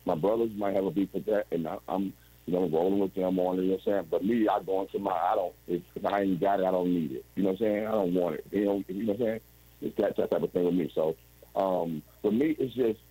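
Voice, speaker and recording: Over a video call, a man in his forties tells his story as an interview guest, rambling, restarting often and repeatedly saying "you know what I'm saying." His voice is low, warm and husky, and the audio quality is poor.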